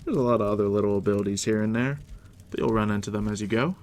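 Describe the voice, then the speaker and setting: An ASMR host slips into the role of a game master, softly walking a new player through things in a deep, hushed near-whisper. His manner is laid-back and slow with a wry, teasing edge, and fire crackles steadily throughout.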